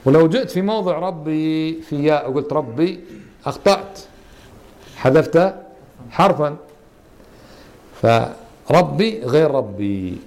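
A man's voice: on the high side, moderate pace, pauses often, a little mellow. A man teaching a Quran interpretation lesson as a religious teacher, quizzing his students and repeating and stressing key words.

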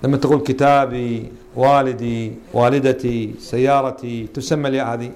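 A man's voice: mid-range voice, flat delivery, moderate pace, darkish tone. A man teaching a Quran interpretation lesson as a religious teacher, quizzing his students and repeating and stressing key words.

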